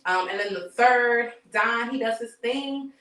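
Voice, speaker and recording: A woman's voice: on the high side, measured pace, a bit bright, far from the mic. A woman, giving a loose, profane, casual live recap of battle rap events as the channel's host. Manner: loose, profane and conversational, with frequent fillers and sighs. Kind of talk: casual live-stream commentary. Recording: echoey room, voice from off the mic.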